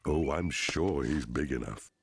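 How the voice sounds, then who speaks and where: A man's voice: a bass voice, expressive, a little slow, vocal fry, a little hiss or hum, heavily acted. An actor playing a jolly, good-natured father pig in a cartoon, chuckling and cheerful. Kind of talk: cartoon voice acting. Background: cartoon background music.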